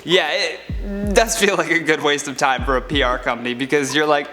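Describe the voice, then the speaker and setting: High, bright-voiced male online news host. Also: steady tone, normal speed, faint music behind. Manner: chatty, casual, emphatic. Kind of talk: upbeat presenter news commentary, reading scripted stories and viewer comments.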